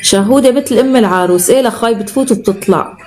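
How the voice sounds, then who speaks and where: Fast-talking affectionate Syrian woman. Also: a little high, a little mellow, a little hiss or hum. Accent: Syrian Arabic. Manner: affectionate, showers viewers with endearments. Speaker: live-stream host. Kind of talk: casual chat reading viewer comments.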